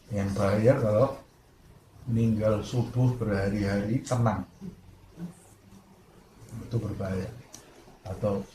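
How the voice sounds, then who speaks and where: A male Islamic preacher giving a sermon, telling stories and acting out the lines of the people in them. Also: lowish voice. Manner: lively storytelling, acting out quoted dialogue. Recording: echoey room with faint noise.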